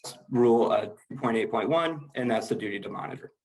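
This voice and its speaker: A man's voice: mid-range voice, expressive, fast talker, poor audio. A man presenting a corporate training webinar, explaining slides in a formal, methodical manner.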